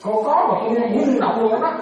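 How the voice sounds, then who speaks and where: In a very echoey room recorded from afar, a woman with a slightly high voice delivers a dharma talk at an ordinary pace. This Buddhist teacher keeps casually posing questions to her listeners, chuckling along, as a crowd murmurs in the background.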